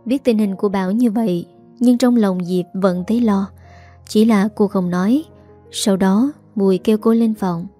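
A woman's voice: medium pitch, normal speed, soft background music. A woman narrating a serialized story aloud, reading every character in the same voice. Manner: reads all characters in one even voice.

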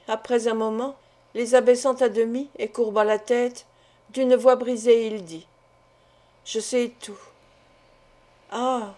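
A woman reading a classic novel aloud as narrator, in a measured, clear way, voicing the dialogue without separate character voices. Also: fairly high pitch, warm tone. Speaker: audiobook reader.

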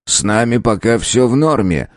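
A man's voice: on the low side, very animated, moderate pace, darkish tone, dry recording, clean studio sound, voice pushed up. A man reading an older male professor, an authoritative scientist who speaks emphatically in an audiobook. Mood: grave.

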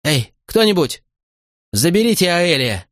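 A man's voice: on the low side, expressive, normal speed, dry recording, clean studio sound, lightly acted. Man voicing a desperate captive Roman noblewoman. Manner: pleading, urgent.

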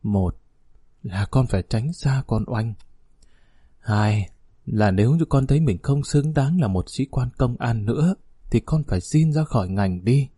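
A dying old police chief recalls his war days in a warm, fatherly way, as a narrator puts him on. His voice is dark and husky, and he never leaves the calm pace of the storybook read. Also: medium pitch, a little slow, no echo, clean studio sound. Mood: solemn. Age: older.

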